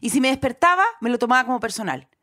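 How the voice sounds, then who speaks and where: A woman's voice: on the high side, expressive, rapid-fire, bright, forceful tone. A Chilean woman in her thirties co-hosting a casual chat, playful and ironic. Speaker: podcast co-host.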